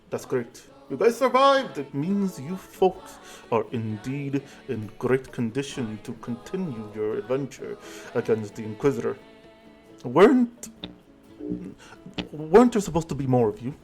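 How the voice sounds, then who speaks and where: A man's voice: medium pitch, big pitch swings, unhurried, soft background music. A man voicing a chatty, friendly male ally in a tabletop game, fussing with concerned questions.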